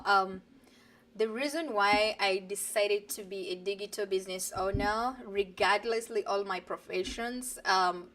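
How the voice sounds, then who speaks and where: A woman's voice: medium pitch, bright, forceful tone, a little hiss or hum. A middle-aged woman from Uganda, talking earnestly as the guest of a live online interview, heard over a video call. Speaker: guest, digital business coach.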